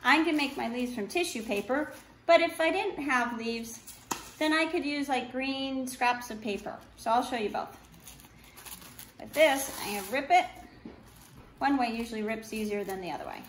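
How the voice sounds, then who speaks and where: Recorded indoors by a camera about two meters across a wooden table, a middle-aged woman demonstrates a children's craft as an art teacher. She talks in short, simple, unhurried phrases as her hands work, her voice a little high. The room adds echo, and faint background noise is audible.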